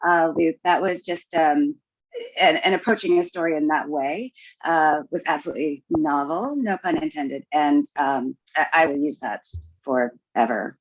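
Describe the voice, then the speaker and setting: In a casual podcast chat, a woman with a deep voice speaks at a moderate pace, wryly breaking off her own sentences often. She's a graduate of a writing course, recorded on a dull, dry lo-fi mic with no echo.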